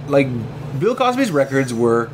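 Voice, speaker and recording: Here a man, a comics artist guesting on a podcast, talks in a mid-range voice that is very animated yet unhurried. The conversation is casual and rambling, full of hesitations, false starts, and restarts. Background noise is audible.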